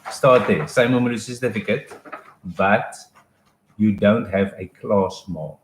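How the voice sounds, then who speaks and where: A man's voice: lowish voice, unhurried. Casual, echoey man. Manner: casual and explanatory, with restarts and asides. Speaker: education advisor. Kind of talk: live informational talk.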